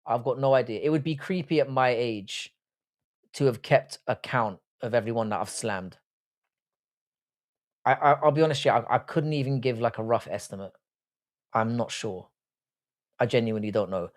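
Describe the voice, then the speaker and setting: Pausing often, a British livestream host in his early forties chats casually at a normal speed in a mid-range voice. He reads out live comments and replies bluntly, with crude jokes and lots of slang.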